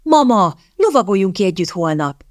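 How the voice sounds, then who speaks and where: A woman reading the part of an eager young gentleman in an audiobook, his lines bursting with excitement. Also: medium pitch, no echo, clean studio sound, natural voice. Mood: excited. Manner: breathless, enthusiastic exclamations.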